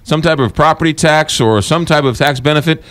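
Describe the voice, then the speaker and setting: A middle-aged man hosting a talk radio show in a studio, brisk and teasing, quick to sum up his guest's points. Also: fairly high pitch, a bit bright, no echo. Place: radio studio with a window view of a city. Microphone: studio microphone on a boom arm.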